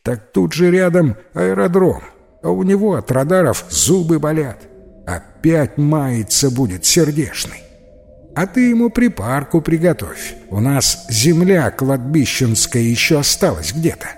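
A man's voice: on the high side, sing-song, measured pace, a little mellow, soft background music, voice pushed up. A man voicing a shy, kindly male house spirit who speaks in a hesitant, folksy way. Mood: fussing. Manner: hesitant, homely folksy speech.

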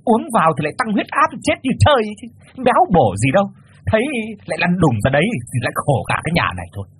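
A man voicing a sneering middle-aged mother who nags and mocks her daughter's suitor in a sarcastic, fast rant. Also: on the high side, big pitch swings, a bit bright, slightly rough, no room sound, voice pushed up, exaggerated voice. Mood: scornful.

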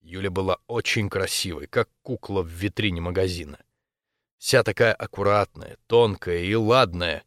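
A man narrating a first-person romance novel as an audiobook, in a steady, intimate storytelling voice. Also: sits low, moderate pace, no room sound, clean studio sound.

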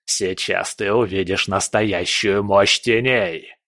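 A man's voice: on the low side, steady tone, slow, bright, forceful tone, no echo, studio quality, full character voice. A man voicing an old male villain, a shadow sorcerer who snarls and hisses his lines. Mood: menacing. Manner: hissing, snarling.

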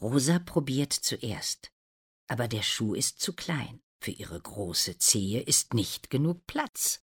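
Slow-reading woman narrating a fairy tale. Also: a bass voice, big pitch swings. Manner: clear, deliberate reading.

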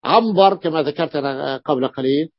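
A man lectures on grammar with a gravelly, fairly high voice. He explains slowly, repeats words, and pauses on long drawn-out hesitations. The recording is dry and dull, with a lo-fi sound. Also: no echo. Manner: slow and explanatory, repeating words and stretching them out. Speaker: teacher of Arabic morphology.

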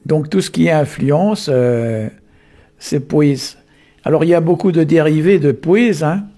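A man, unhurried and full of tag words, explaining the origins of words. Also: fairly high pitch, mellow. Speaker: Breton language explainer. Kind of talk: explanatory talk on word origins.

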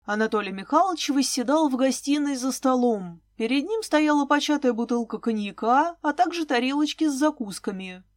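A woman narrating a first-person detective story in an even, measured way. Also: high voice, no echo. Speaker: audiobook narrator.

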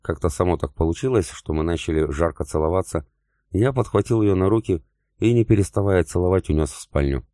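Male narrator with a very deep voice, calm and even delivery, dry studio sound, for a first-person audiobook. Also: fairly quick, dry recording.

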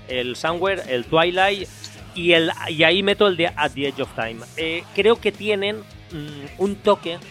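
A man with a Spain Spanish accent hosts a casual music podcast, building his points slowly and repeating phrases as he thinks. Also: on the high side, a bit bright. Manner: thoughtful, repeats phrases while building an argument. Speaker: podcast host.

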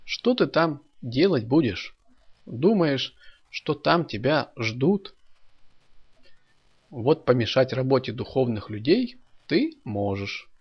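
A wise older woman gently admonishes in a measured voice, read by a male narrator. The tone is husky with lively pitch. The sound is muffled and lo-fi. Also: exaggerated voice. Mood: admonishing. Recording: dull lo-fi audio.

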